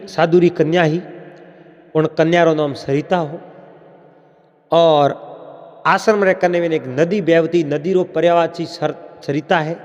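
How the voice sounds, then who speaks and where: A man with a Marwari accent tells a folk tale at a slow, measured pace, his voice sitting fairly high. The recording is dull and lo-fi, with a long reverb trailing each phrase. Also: steady tone, a little mellow. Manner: unhurried storytelling, voicing quoted characters. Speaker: storyteller. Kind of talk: spoken folk tale narration.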